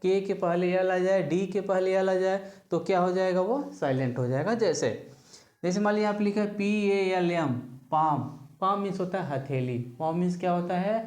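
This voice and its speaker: A woman teaching English spelling, slowly spelling words letter by letter and asking questions she answers herself. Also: on the low side, a little mellow, reverberant. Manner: asks a question, then answers it herself, over and over. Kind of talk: classroom-style explanation of silent letters.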